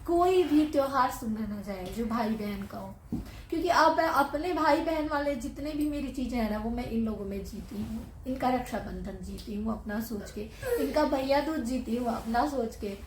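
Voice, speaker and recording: A young woman with a slightly high voice tells a personal story as a casual vlog. She rambles along with asides and fillers. Her voice rings in an echoey room, with a faint hum of ambience behind it. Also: a little mellow. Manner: chatty, recounting with many asides and fillers. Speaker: vlogger.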